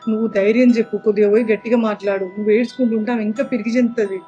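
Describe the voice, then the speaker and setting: An actress playing a worried village wife who talks urgently and gives instructions, with a Telangana accent. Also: female voice, mid-range voice, steady tone, rapid-fire, warm tone, lo-fi sound, soft background music, lightly acted. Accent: Telangana Telugu. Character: worried young village wife, taking charge.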